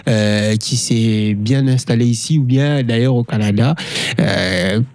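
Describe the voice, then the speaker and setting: Male radio host, mellow dark voice, dry close sound, lots of hesitations. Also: medium pitch, no room sound. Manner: halting, many hesitations. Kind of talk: radio interview.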